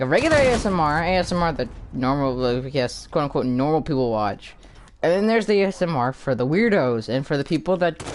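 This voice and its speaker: A man's voice: fairly high pitch, slight background noise. A man talking casually to his viewers in a rambling, sarcastic vlog, swearing often and stumbling over his words. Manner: many fillers and restarts. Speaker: YouTuber.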